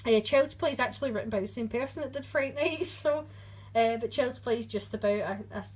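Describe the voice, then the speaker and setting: A woman's voice: a little high, a little fast, slightly rough, low-quality recording. A woman co-hosting a casual podcast chat, chatty and often searching for her words. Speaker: podcast co-host. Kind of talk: casual chat about horror movies.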